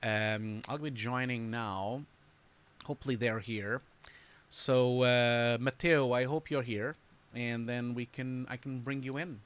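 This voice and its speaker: A man's voice: mid-range voice, fairly even intonation, slow, a bit bright, smooth. A man hosting a live stream, chatting casually and rambling, laughing often. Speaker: host reviewing showreels. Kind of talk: casual livestream chat.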